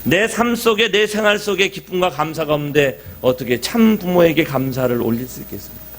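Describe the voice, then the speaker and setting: A man's voice: a little high, expressive, a little fast, noisy background. A middle-aged man pastor preaching a sermon in a church, talking conversationally and asking the congregation rhetorical questions. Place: church sanctuary.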